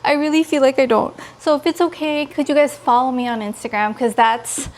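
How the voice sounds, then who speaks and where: Expressive higher-pitched woman vlogger chatting. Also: a little fast. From California. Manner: expressive, pleading and gushing, quotes others in dialogue. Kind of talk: casual chatty vlog.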